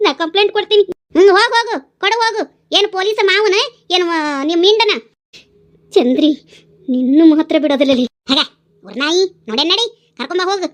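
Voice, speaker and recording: Brash, foul-mouthed village women from a cartoon, screaming insults at each other in a North Karnataka Kannada accent. The voice sits very high and the words tumble out fast, one scolding jab after another. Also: female voice. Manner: shrill, scolding, rapid-fire insults. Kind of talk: cartoon voice acting.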